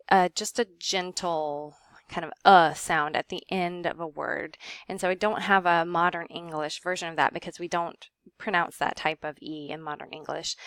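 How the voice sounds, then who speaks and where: A woman teacher giving a recorded lecture, carefully sounding out words and filling pauses with um. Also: on the low side, a bit bright, dry recording, clean studio sound. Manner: careful, demonstrating pronunciations with frequent ums.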